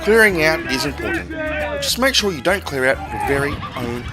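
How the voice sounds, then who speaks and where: Animated, high-pitched male rugby show host. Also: fairly quick, a loud crowd. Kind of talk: upbeat scripted sports presenting and highlights narration. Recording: music playing behind the voice.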